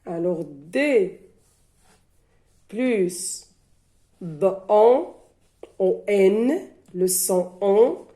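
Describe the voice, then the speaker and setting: A woman's voice: medium pitch, animated, very slow, long pauses, mellow. A woman teacher giving a reading lesson, spelling out letters one by one and repeating each sound. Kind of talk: slow syllable-by-syllable reading lesson.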